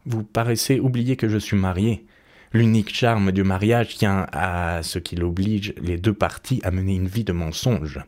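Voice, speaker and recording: Guy reading a witty cynical lord, deep voice, lazy ironic drawl. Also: steady tone, moderate pace, lightly acted. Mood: languid, ironic. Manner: languid, ironic, quietly amused. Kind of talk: reading a novel aloud.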